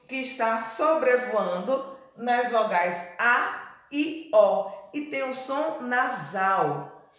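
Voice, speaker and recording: Slow, drawn-out teacher in an echoey room. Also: female voice, a little high, fairly bright tone. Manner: slow, exaggerated pronunciation drilling words. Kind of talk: children's lesson.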